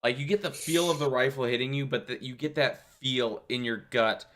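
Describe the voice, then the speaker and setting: A man's voice: medium pitch, fairly bright tone. Young man running a tabletop game. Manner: halting, filler-heavy narration. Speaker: game master.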